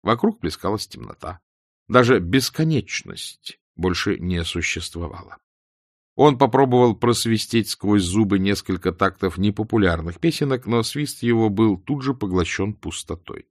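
Deep-voiced guy reading an audiobook, measured and dry, close dead-quiet sound. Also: lively intonation, no room sound. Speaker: audiobook narrator. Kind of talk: scripted narration.

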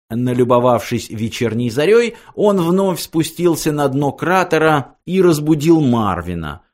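A man reads an audiobook aloud in measured, scripted narration. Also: medium pitch, darkish tone.

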